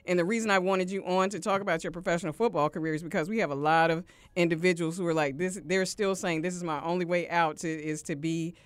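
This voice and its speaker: A woman's voice: on the low side, steady tone, quick pace, hardly any pauses, smooth, no echo. A woman hosting an interview in a conversational, encouraging way, with long rambling questions. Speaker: interview host.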